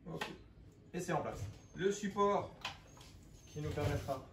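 A man's voice: a little high, unhurried, fairly bright tone. A man in his forties, hosting a home DIY video, explaining each step in a plain, matter-of-fact way. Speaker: DIY channel host. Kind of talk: casual step-by-step DIY narration. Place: home room by windows, indoors. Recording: echoey room, distant mic, background noise.

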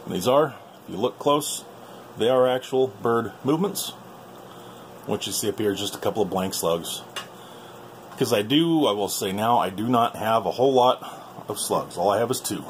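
Speaking at a normal speed with an animated, lowish voice, a video host and radio hobbyist addresses viewers on a folksy tour of his workshop. It's shot on a handheld camera in a small room with slight background noise.

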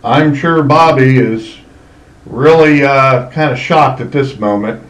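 A middle-aged man, a fishing charter captain, telling what happens on his trips in a relaxed voice-over. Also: mid-range voice, reverberant, low-quality recording. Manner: slow, easygoing storytelling. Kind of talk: voice-over narration.

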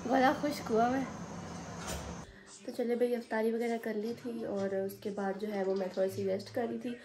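A woman's voice: a little high, steady tone, a little slow, long pauses, background noise. A woman in her thirties vlogging casually with a sore throat, talking straight to viewers from home and on a shopping trip, on a handheld phone. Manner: chatty, talks straight to viewers. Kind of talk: casual vlog chat.

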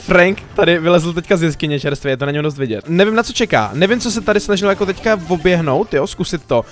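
A man hosting a gaming channel, giving chatty, excitable gameplay commentary that he addresses straight to his viewers. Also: fairly high pitch. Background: faint background music.

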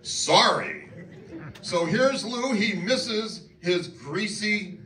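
A man in his seventies playing a brash 1960s TV garage pitchman, hammy and drawn out, in an echoey hall. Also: expressive, very slow, bright, forceful tone, exaggerated voice. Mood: salesy. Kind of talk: 1960s TV commercial announcing. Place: auditorium stage. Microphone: handheld mic. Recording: echoey hall, from far off, noisy.

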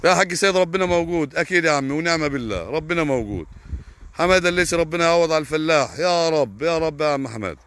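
A young Egyptian potato farmer streams live, reading viewer comments with an Egyptian Arabic accent. His male voice is a little high and a bit bright, and he speaks fast and emphatically, heated and indignant, with repeated oaths.

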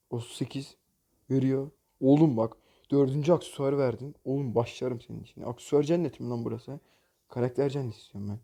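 A man with a medium-pitched, dark-toned voice hosts a gaming channel and reacts to opening loot boxes in a mobile game. He sounds exasperated yet joking, and he curses at the game often.

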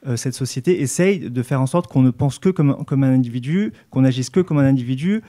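Brisk and expressive, with a dark, medium-pitched voice, an activist guest in his thirties talks earnestly into a handheld mic during a casual discussion, restarting often and using fillers. Raised in Montreal and New York, he's from the US and France; the setting is a small brick-walled studio.

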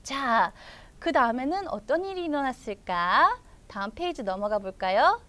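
High-voiced woman reading a storybook. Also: very animated, normal speed, bright, forceful tone. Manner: friendly, explaining, asking the listener questions. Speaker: English storybook teacher. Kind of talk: reading a picture book aloud with explanations.

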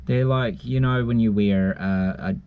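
Speaking slowly and smoothly in a fairly low voice, a male vlogger rambles to camera in his car as he samples food. His camera is held at arm's length, and the recording is dull and noisy.

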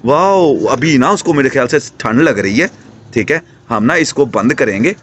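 A young man hosting a casual pet vlog at home, chatting excitedly and coaxing his animals. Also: mid-range voice, normal speed, background noise. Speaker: pet vlogger.

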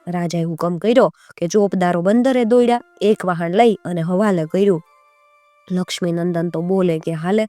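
A woman storyteller narrating a folk tale in a lively, rhythmic way. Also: fairly low pitch, normal speed, dry recording, faint music behind.

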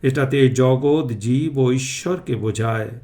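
A man slowly chanting Sanskrit verses and then explaining them in a calm, measured reading. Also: medium pitch. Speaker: Gita reader and explainer. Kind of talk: scripture recitation with explanation.

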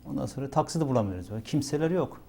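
Dark-voiced man recalling a night. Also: medium pitch, animated, very fast, creaky, slight background noise. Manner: retells events with many repeated "dedim" and "böyle" fillers. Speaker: witness interviewed for a documentary. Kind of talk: emotional first-person recollection.

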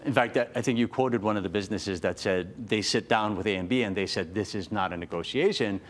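Man anchoring a morning news interview. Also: lowish voice. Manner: brisk, conversational, frequent affirmations. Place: TV studio. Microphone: lapel mic.

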